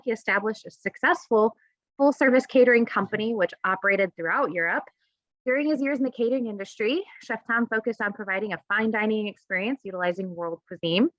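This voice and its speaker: A woman's voice: medium pitch, a bit bright, no room sound, dull audio. A woman hosting a webinar who politely reads a prepared introduction, with occasional fillers. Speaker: webinar host. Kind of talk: scripted introduction.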